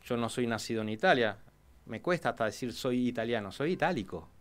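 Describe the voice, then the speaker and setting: A male historian, a guest in a radio studio interview, explains history with a smooth, clear, middle-pitched voice, speaking a little fast. He tells stories with animated energy and restarts his sentences often.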